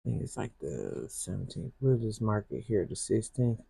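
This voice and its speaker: In a dry recording, a female planner vlogger speaks in a bass voice that is creaky with a breathy edge, yet very animated. She's from Michigan but has a Southern US accent, and she rambles casually, slowly and softly, with restarts, while decorating her planner.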